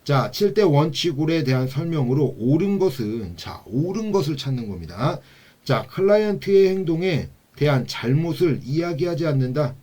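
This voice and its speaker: A man's voice: on the high side, very animated, moderate pace, mellow. Man lecturing, repeating key terms. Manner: explains with rhetorical questions and repeated key terms. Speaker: social work exam instructor. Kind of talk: exam prep lecture. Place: classroom.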